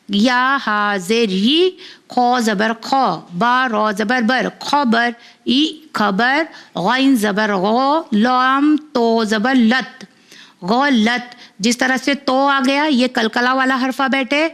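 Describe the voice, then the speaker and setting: A woman teaching children to read, spelling words out syllable by syllable and then explaining the rules quickly. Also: a little high, fairly bright tone. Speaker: Quran reading teacher for children.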